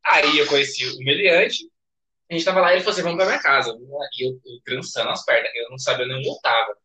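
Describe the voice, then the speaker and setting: A young man with a Brazilian accent, a podcast guest telling a story in casual chat, animated and laughing. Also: mid-range voice, fast talker, low-quality recording.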